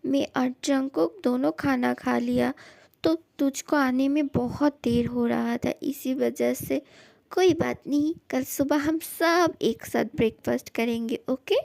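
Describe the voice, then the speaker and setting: A woman voicing a scolding but soft-hearted middle-aged mother in a fan dub drama, bossy and fussing. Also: high-pitched, unhurried, gravelly. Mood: reassuring.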